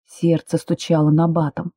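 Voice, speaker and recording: A woman narrating a first-person novel as an audiobook, with steady, expressive storytelling. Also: low-pitched, moderate pace, husky, no room sound, studio quality.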